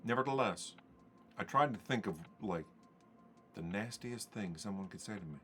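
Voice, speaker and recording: A man's voice: on the low side, lively intonation, moderate pace, a bit bright, soft background music. A man telling stories on a podcast in a rambling, conversational way, acting out the dialogue he quotes. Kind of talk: casual podcast storytelling.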